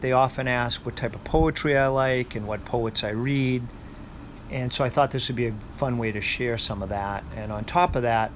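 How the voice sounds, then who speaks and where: A man's voice: medium pitch, a little hiss or hum. A man with a Boston accent, a poet, introducing and reciting poetry aloud. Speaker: poet and presenter.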